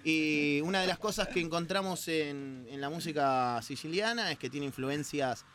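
A man's voice: on the high side, moderate pace, fairly bright tone, faint music behind. A man with a Rioplatense Spanish accent, a guest musician telling stories about his band in a casual interview, with joking asides. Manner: storytelling, jokey asides.

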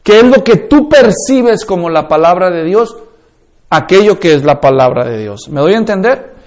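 A man's voice: sits high, sing-song, moderate pace. A man teaching a course on preaching, emphatic and full of rhetorical questions. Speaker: preaching instructor.

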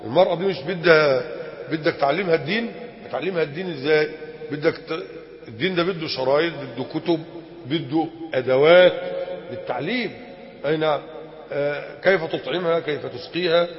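Egyptian sheikh in an echoey hall. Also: male voice, fairly high pitch, a little fast, long pauses, lo-fi sound. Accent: Egyptian Arabic. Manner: animated, rhetorical questions to the audience. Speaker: sheikh teaching a religious lesson. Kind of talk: colloquial religious lesson.

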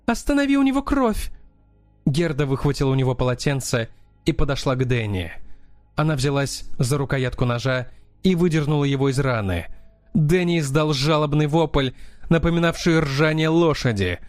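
A man narrating a crime novel as an audiobook in a steady, dramatic reading. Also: mid-range voice, normal speed, no echo. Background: faint music.

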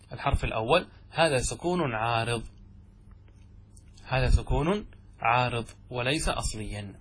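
Posing questions and then answering them himself, a middle-aged sheikh works step by step through classical Arabic grammar. He speaks in a husky voice of medium pitch.

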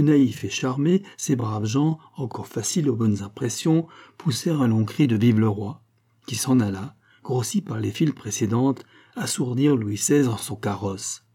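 A man narrating a classic novel as an audiobook in an even, steady storytelling manner. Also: medium pitch, slightly rough. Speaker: audiobook reader.

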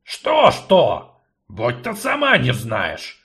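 A man voicing a blunt, hot-tempered gnome in an audiobook, talking loudly and grumbling. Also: a little high, big pitch swings, unhurried, pitched above the performer's own voice, exaggerated voice. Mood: gruff. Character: gruff hot-tempered male gnome warrior.

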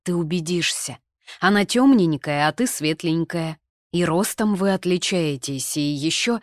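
A woman voicing an excited, slightly drunk young man who keeps insisting to his fiancée. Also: lowish voice, unhurried, dry recording, studio quality. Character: young man, heroine's ardent, tipsy fiancé.

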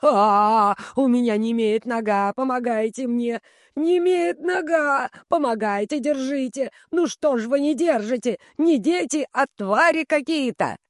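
A loud, quarrelsome old village patriarch, as a man puts him on for an audiobook yells high above his usual range, voice leaping all over. Every curse is wailed and cracks into falsetto. The recording is close and completely dry. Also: lively intonation, slow, dry recording. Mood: screaming in pain. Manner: bellowing, cursing, breaking into falsetto.

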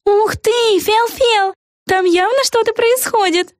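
An excitable little witch girl with a sky-high squeak of a voice. She blurts out each thought wide-eyed, in the dry, close sound of an audiobook. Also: slow, no room sound. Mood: chattering. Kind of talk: audiobook character voice.

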